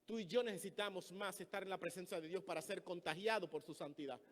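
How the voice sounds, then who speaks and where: A man from the Republic, preaching a sermon, swinging between loud emphatic phrases and soft ones. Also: high voice, fast. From Dominican Republic. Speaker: pastor. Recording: long hall reverb.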